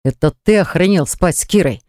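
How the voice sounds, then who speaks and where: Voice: fairly quick, a little mellow, no echo, clean studio sound, lightly acted. A narrator doing a snarling jealous man. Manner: low snarling and hissing. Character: jealous, hot-tempered man, protective.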